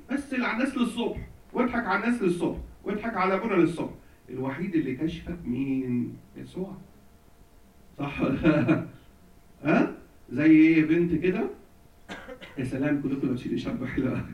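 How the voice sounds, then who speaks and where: Egyptian priest preaching in an echoey hall. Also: male voice, a little high. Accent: Egyptian Arabic. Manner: asks the congregation questions and waits for answers, jokes and laughs. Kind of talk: sermon to a congregation. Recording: echoey hall, distant mic, dull sound.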